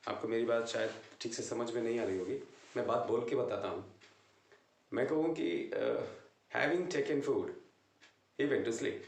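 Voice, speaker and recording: A man teaching English grammar, explaining slowly and deliberately and switching between Hindi and English. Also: mid-range voice, vocal fry, echoey room. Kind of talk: grammar lesson.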